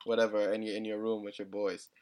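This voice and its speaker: A young man co-hosts a podcast, chatting casually in a fast, somewhat low, slightly mellow voice with little change in pitch. He sounds hesitant, fills his speech with "like," and chuckles now and then.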